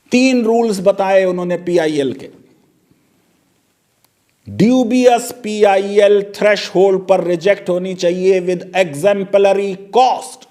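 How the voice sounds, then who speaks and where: A man's voice: high-pitched, a little mellow. A man giving legal commentary and poking fun at a court petition with sarcastic rhetorical questions.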